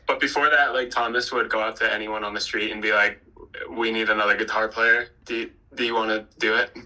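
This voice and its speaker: A man in his late twenties from Boston rambles through his stories in a bright, sharp tone. His voice sits lowish, peppered with casual fillers. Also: little pitch movement, a little fast, poor audio. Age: 20s. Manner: chatty storyteller with many "like"s. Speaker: band rhythm guitarist. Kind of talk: casual interview answers.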